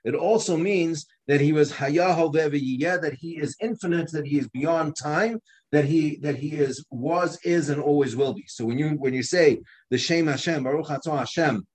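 A man teaching an informal Torah class, explaining slowly and often restarting his phrases. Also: fairly high pitch, darkish tone, slightly rough. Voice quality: many restarts and repeated words, conversational explaining.

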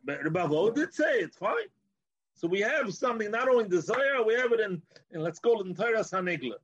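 A man teaches religion in a high-pitched voice with a Yiddish-inflected accent. He argues through rhetorical questions and repeats words as he builds each point. The sound is dry and slightly dull. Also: animated, fast talker, slightly rough, no echo. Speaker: Torah teacher. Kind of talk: informal religious lecture.

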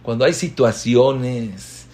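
A man giving a spoken sermon as a rabbi, telling stories with soft asides and emphatic acted-out lines. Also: mid-range voice, slow pace.

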